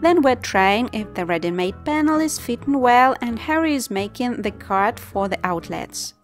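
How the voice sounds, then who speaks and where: A woman's voice: on the high side, animated, moderate pace, faint music behind. Woman narrating a home DIY vlog. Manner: plain, practical step-by-step explaining. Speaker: DIY channel host. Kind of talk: voice-over narration of a home renovation.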